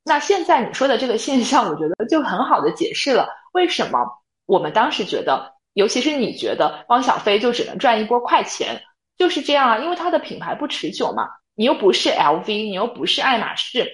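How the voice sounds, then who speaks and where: A woman's voice: a little high, big pitch swings, fairly quick, roomy sound, rough recording. A woman co-hosting a podcast, explaining her views point by point in a casual analytical chat. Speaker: podcast co-host.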